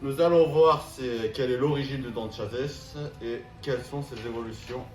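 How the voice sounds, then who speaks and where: A man's voice: medium pitch, normal speed. Echoey room, faint guitar music, young man, hesitant informal student introduction. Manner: hesitant, restarting. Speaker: student presenter. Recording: roomy, distant mic, faint guitar music.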